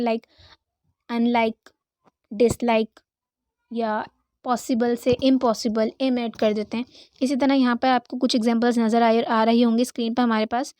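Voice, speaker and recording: A young woman teaching an online English grammar lesson, explaining slowly and mixing in English terms. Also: fairly high pitch, warm tone, no echo.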